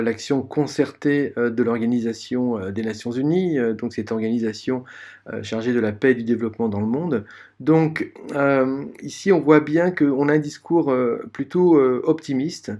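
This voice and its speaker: A man's voice: medium pitch, a little mellow. A man teaching a recorded history lesson to his students, explaining step by step with many fillers and restarts. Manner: explanatory, addresses students directly.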